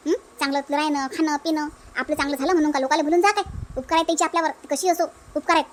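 A woman's voice: sits high, steady tone, racing, a little hiss or hum, lightly acted. A woman voicing a stubborn, scolding village mother in a cartoon dub, with a Varhadi Marathi accent. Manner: scolding, repetitive. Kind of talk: cartoon dubbing.

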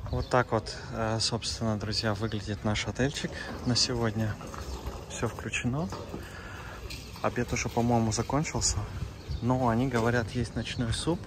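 A man's voice: mid-range voice, fairly even intonation, moderate pace, heavy background noise. Chatty man vlogging with a phone. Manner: chatty, addresses viewers as friends, many fillers. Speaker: travel vlogger. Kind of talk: casual travel vlog narration. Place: outdoors and in hotel rooms, walking with a phone.

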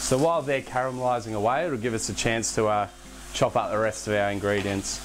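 A young man hosting a casual cooking demonstration in a home kitchen, relaxed and chatty, with self-deprecating asides. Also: lowish voice, fairly quick, heavy background noise. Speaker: cooking show host. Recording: background music under the voice. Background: music and pan sizzling.

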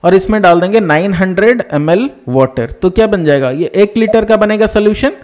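A man's voice: sits high, expressive, moderate pace, a little mellow. A man teaching a nursing exam class in a live online lecture, explaining step by step and often checking that students follow.

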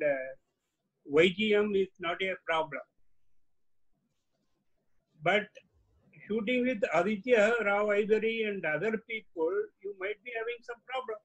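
A man, a Tamil speaker, asking a question haltingly on a video call. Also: high-pitched, rough recording. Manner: hesitant, halting. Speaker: audience member asking a question.

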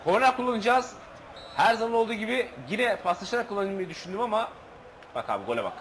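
An excitable man with a high, lively voice talks over his football video game, cursing his players and calling the action like a sportscaster. His voice jumps between shouts and low, muttering despair. A faint room hum sits behind him. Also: quick pace, rough recording. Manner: excitable, swears and groans at the game, mock play-by-play. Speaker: gaming channel host. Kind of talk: gameplay commentary.

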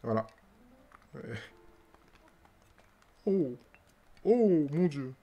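A man's voice: on the high side, expressive, very slow, highs cut off. A man giving casual let's-play commentary as a streamer, playful, laughing often and talking to the game characters.

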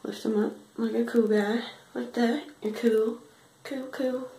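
A woman in her twenties chatting casually to her phone in a deadpan, offhand, sweary way. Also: fairly high pitch, measured pace. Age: 20s. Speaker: vlogger giving a joke makeup tutorial. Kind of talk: casual vlog chat. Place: small tiled bathroom. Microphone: handheld phone at arm's length. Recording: echoey small room, some noise.

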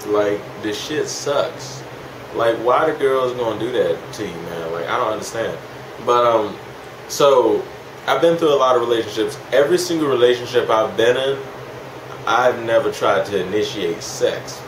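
A man's voice: medium pitch, moderate pace. A man of twenty-one, tipsy and rambling, in a casual, swearing, slangy confessional chat. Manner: heavily profane, slangy. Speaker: vlogger. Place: small indoor room at home. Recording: echoey room with clear background hiss.

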